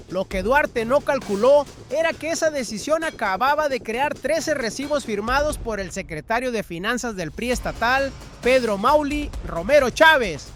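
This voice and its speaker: A man's voice: very high voice, a bit bright. A man reading a scripted news narration with a dramatic, emphatic delivery.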